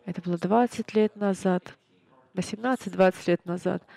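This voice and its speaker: A man preaching a sermon, telling stories in an earnest, halting way with frequent restarts. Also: sits high, fairly even intonation, creaky, mellow, no echo. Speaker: pastor. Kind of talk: sermon storytelling.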